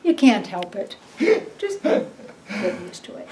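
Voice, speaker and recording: A woman's voice: a little high, sing-song, a little slow, mellow, low-quality recording. An older woman playing a blunt, long-married wife who teases her husband in a dry way. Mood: mocking. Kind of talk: film drama acting.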